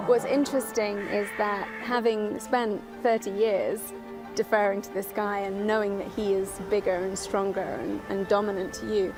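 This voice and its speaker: A woman with a medium-pitched voice explains things as an expert in a documentary interview. Music plays clearly under her words. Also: flat delivery, measured pace. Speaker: elephant researcher interviewed as expert. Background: background music.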